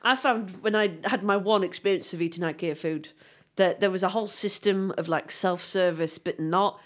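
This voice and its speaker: A woman's voice: medium pitch, moderate pace. Woman, casual podcast chat, laughs a lot, swears. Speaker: podcast co-host.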